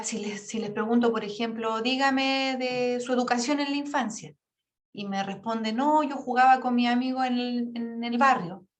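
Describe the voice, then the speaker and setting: A woman teaching an English class online, explaining patiently and checking understanding with a quick "¿ya?" after each point. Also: on the high side.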